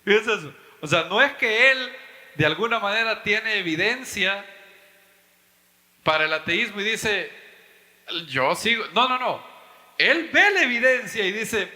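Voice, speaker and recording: A man's voice: sits high, animated, measured pace, pauses often, sharp tone, roomy sound, long reverb tail. A man preaching a teaching sermon to his congregation, emphatic, his voice leaping up to stress points. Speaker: pastor and Bible teacher.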